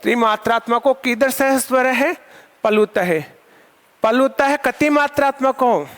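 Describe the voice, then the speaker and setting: A man's voice: very high-pitched, a little slow, a bit bright. A male Sanskrit teacher giving a lecture, asking questions and answering them himself while repeating key terms. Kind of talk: classroom lecture. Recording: long hall reverb.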